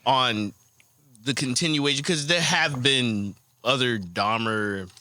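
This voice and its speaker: A man's voice: medium pitch, slow, sharp tone, no room sound. A man hosting a casual podcast, joking and teasing his friends. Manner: joking, teasing, laughs a lot. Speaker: podcast host. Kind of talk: casual chat.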